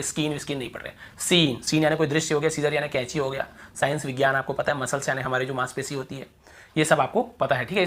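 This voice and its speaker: A man teaching English pronunciation in Hindi to viewers, repeating example words slowly and asking rhetorical questions, often dropping to a quiet voice. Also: a little high. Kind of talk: explaining pronunciation rules to viewers.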